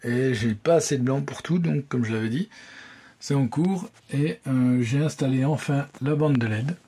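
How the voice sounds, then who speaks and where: Mellow with a breathy edge, his medium-pitched voice keeps a moderate pace. The young adult man vlogs casually and wryly, talking colloquially into a handheld phone at arm's length.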